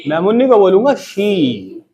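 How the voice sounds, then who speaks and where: A man's voice: sits high, wildly swooping pitch, measured pace, mellow. A man teaching an English grammar lesson to a classroom of students, repeating key terms and asking the class to say them back. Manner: call-and-response questioning, repeats key terms.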